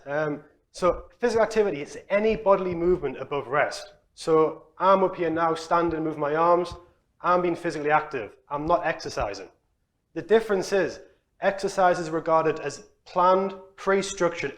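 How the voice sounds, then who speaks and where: A young man from Newcastle, giving a relaxed, chatty conference talk as a researcher. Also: on the high side. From Newcastle, England. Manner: relaxed, chatty, self-deprecating. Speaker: exercise physiology researcher. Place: conference hall.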